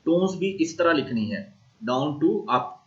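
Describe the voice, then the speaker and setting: A man with a Pakistani accent giving a recorded university lecture, explaining slowly and repeating sounds aloud to model them. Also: fairly high pitch, expressive, highs cut off. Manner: slow, repetitive explaining, modeling tones aloud. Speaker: language teacher.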